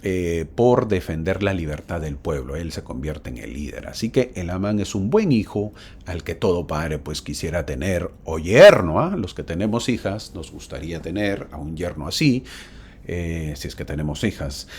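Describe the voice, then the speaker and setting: Deep-voiced middle-aged guy giving a church lesson, lots of questions to the listener, voice goes up and down a lot. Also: big pitch swings, normal speed, darkish tone, slightly rough. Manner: asks the listener many rhetorical questions. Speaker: scripture teacher. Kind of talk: religious lesson.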